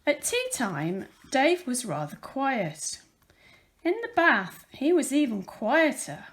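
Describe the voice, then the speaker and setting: Reading a children's picture book as a volunteer, a woman with a high voice takes her time. She stresses the words with care and expression.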